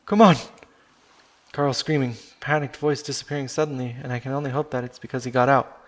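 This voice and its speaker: A man narrates a first-person story during a live stream, loose and unpolished, sometimes swearing and going back to restart his sentences. He speaks fast and flatly at a middle pitch for a man.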